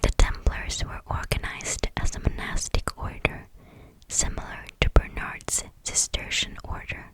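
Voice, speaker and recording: A woman whispers an ASMR reading of a history text in a measured way, close into the listener's left and right ears. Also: a bit bright. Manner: slow, measured scripted reading. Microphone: close-up stereo microphone.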